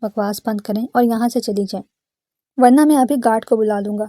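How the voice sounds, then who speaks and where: A woman voicing a stern, protective young man who is quick to anger, speaking firmly. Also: a little high, steady tone, dark tone, dry recording, clean studio sound, lightly acted. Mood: stern, angry. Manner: firm, threatening delivery.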